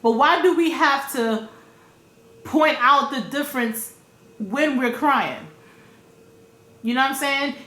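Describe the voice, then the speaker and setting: A woman's voice: sits high, slow pace, pauses often, sharp tone, echoey room. A woman vlogging her opinions in a blunt, profane way, repeating her points for emphasis. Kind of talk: casual opinion rant.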